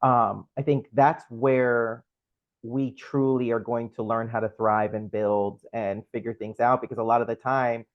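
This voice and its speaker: A man's voice: mid-range voice, steady tone, unhurried, no room sound. A man hosting a podcast interview, asking questions and affirming his guest. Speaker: podcast host. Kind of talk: conversational interview. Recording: dry, slightly dull sound.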